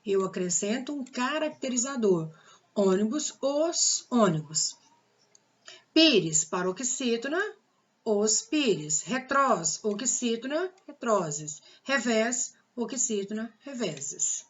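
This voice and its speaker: A woman's voice: fairly high pitch, expressive, slow pace, highs cut off. Brazilian teacher woman, patient explainer. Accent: Brazilian Portuguese. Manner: patient, repeats rules with rhetorical questions. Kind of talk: recorded grammar lesson.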